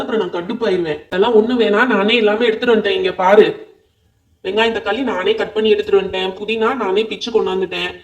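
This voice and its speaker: A man voicing dolls in a comedy show, bossy and teasing as he explains cooking. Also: high-pitched. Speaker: doll-show voice performer. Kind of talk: playful doll-show voice acting. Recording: echoey, distant mic.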